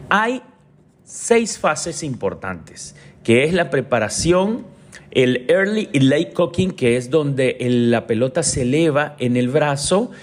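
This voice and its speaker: Man from Venezuela explaining sports medicine. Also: medium pitch. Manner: explanatory, with frequent filler pauses. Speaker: orthopedic doctor. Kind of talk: informative medical talk.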